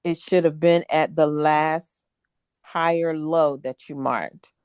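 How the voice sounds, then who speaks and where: A woman co-teaching a trading class over a video call. She speaks briskly and directly as she reviews students' charts. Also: low-pitched, fairly even intonation, a little mellow, clean tone, dry recording. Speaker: co-instructor.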